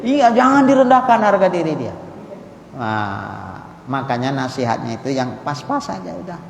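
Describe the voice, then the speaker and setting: A man, preaching a conversational sermon to women, dropping into hushed prayer tones. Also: medium pitch, sing-song, moderate pace, gravelly. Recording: echoey hall with faint ambience.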